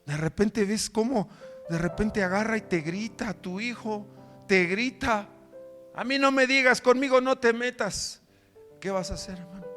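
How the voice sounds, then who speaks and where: Preaching fervently, a man delivers a sermon built on rhetorical questions, his voice moving from loud emphasis down to quiet, low passages.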